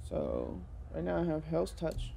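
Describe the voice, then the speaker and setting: A woman's voice: deep voice, wildly swooping pitch, measured pace, vocal fry, mellow, slight background noise. A woman giving casual gameplay commentary, chatting to the game characters and reading menu text aloud. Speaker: let's play gamer.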